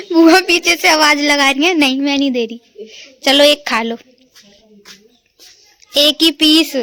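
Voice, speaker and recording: Young woman vlogging on her phone outside, high voice, chatty and teasing, laughing with neighbourhood kids. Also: a bit bright. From India. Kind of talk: casual family vlog chat. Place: outdoors in a village neighbourhood.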